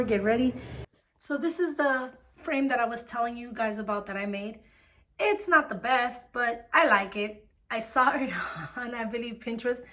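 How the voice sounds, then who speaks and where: A woman's voice: fairly high pitch, fairly bright tone, slight background noise. Chatty woman vlogging at home. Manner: chatty, rambling, many fillers. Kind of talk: casual vlog chat. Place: at home, walking through rooms.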